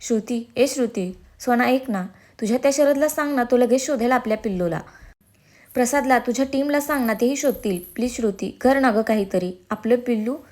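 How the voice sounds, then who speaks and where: A woman's voice: a little high, fairly quick, a little mellow, lightly acted. A woman voicing a distraught young husband and new father in a read-aloud story, talking in a pleading, tearful way. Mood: desperate. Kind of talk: storybook narration.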